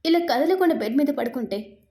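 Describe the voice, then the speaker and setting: Narrator doing the weepy older sister, high and soft. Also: female voice, expressive, a little fast, echoey room. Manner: sobbing, pleading. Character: tearful loving older sister.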